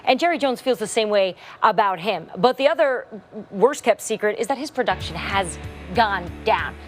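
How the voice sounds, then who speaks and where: A woman reports sports news on a TV panel with a clear, informed delivery. Her voice sits at a middle pitch. Faint music plays behind her. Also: lively intonation, normal speed.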